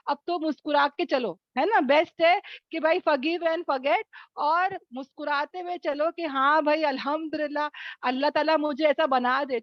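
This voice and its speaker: A woman's voice: high voice, dry recording, dull audio. A woman teaching a Quran study class online, calling her listeners sisters and acting out what others say. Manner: animated, addresses listeners as sisters; acts out quoted remarks and asks rhetorical checks. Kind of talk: Quran study lesson in Hindi-Urdu. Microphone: online meeting recording.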